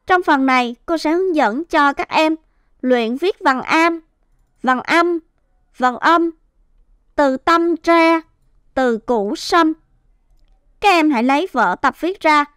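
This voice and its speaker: A woman teaching first-grade reading, sounding out and stretching each syllable clearly for young children. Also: high voice, a bit bright, no echo, clean studio sound. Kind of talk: slow, clear phonics teaching.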